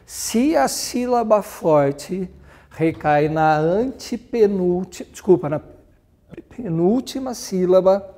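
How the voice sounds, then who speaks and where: Brazilian guy teaching grammar, kinda high voice but mellow, slow patient examples. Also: lively intonation. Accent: Brazilian Portuguese. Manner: patient, explains step by step with examples, spells words out. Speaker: Portuguese teacher. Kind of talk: classroom grammar lesson.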